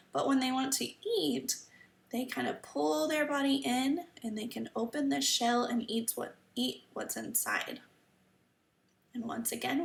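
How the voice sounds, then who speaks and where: A high-pitched woman with a creaky edge reads a picture book aloud as a children's teacher, using a kids-show-host manner for story time. She addresses the children with questions and simple explanations. The mic is slightly distant, with a roomy echo.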